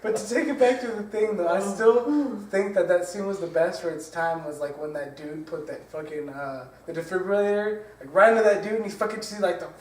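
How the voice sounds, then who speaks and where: A man's voice: sits high, a little fast, hardly any pauses, a little mellow, distant mic. A man co-hosting a podcast, rambling and insisting, full of filler words. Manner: insistent, rambling, lots of "like" and "dude". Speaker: podcast co-host. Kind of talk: casual chat. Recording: echoey room from afar, faint noise.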